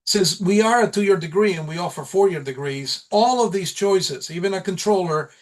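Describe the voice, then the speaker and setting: At a meeting, a man acting as a college program instructor gives a casual slide presentation, stumbling through it and repeating or restarting phrases. His voice is high, and the recording quality is rough.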